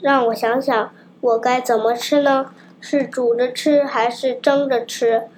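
A woman's voice: sits high, steady tone, unhurried, slight background noise. A woman reading a storybook, voicing a naughty, rude wooden puppet boy who talks brashly. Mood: hungry, eager. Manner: brash, shouting, cheeky.

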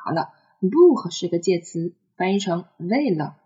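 A woman's voice: on the low side, animated, warm tone. A woman teaching a French picture-book lesson, patiently spelling out and repeating sounds. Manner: patient, drawn-out demonstration of sounds. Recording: slightly muffled recording.

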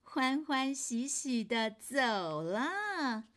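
Woman storyteller for little kids, high and animated, unhurried. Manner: animated, gentle, addresses the child warmly. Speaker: storyteller for children. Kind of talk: children's story reading.

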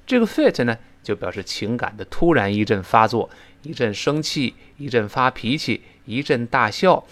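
A man teaching English in a recorded lesson, explaining at length with many "this, this" fillers and reading examples slowly and carefully. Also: mid-range voice, very animated, fairly bright tone.

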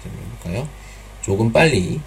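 A man's voice: on the low side, expressive, moderate pace, creaky, breathy edge. A man teaching pronunciation in a live online class, patiently repeating drill sounds and mixing in some Chinese words.

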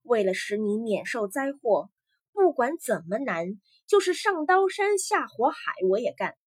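A woman's voice: on the high side, big pitch swings, moderate pace, slightly rough. A woman voicing an earnest young fisherman in a told folktale, speaking firmly and with determination. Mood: determined. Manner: firm, determined.

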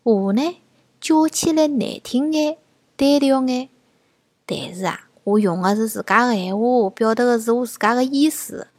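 A woman with a Shanghai accent voicing a calm, good-humoured, reasoning wild duck in a children's storybook. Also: fairly high pitch, normal speed, no room sound, lightly acted. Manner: gentle, reasoning. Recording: music bed behind the voice.

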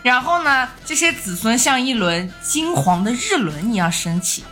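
A woman's voice: a little high, sing-song, normal speed, fairly bright tone, faint music behind. A woman hosting a podcast, casually retelling an ancient myth and laughing often as she acts out the gods. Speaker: podcast host telling myths. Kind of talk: casual storytelling chat.

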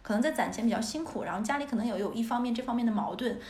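A woman from northeast China hosting a podcast, telling childhood stories in a casual, animated way and laughing often. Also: fairly high pitch, rapid-fire, a little hiss or hum. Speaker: podcast host. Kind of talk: casual storytelling chat. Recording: roomy echo.

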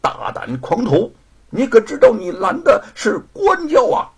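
A man's voice: extremely high pitch, wildly swooping pitch, unhurried, gravelly, breathy edge, voice pushed up, exaggerated voice. A man voicing a barking, fawning attendant of an official in a storytelling performance. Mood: bossy.

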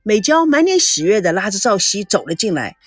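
Lively woman reading a story aloud. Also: medium pitch, brisk, slightly rough, no echo, studio quality, soft background music. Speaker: audiobook narrator. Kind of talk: storybook narration.

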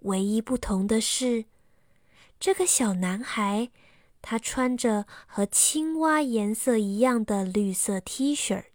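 A woman narrating a children's bedtime story slowly and softly. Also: on the high side, no echo, clean studio sound. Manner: slow and soft.

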